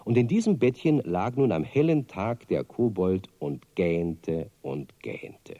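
A man narrating a children's radio play with lively, expressive storytelling. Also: medium pitch, normal speed, no echo, muffled recording.

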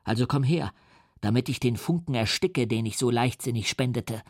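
A man's voice: medium pitch, moderate pace, no echo, clean studio sound, natural voice. A man playing an enraged young male scientist in an audiobook, declaiming furiously. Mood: scornful. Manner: furious declamation, some lines hushed.

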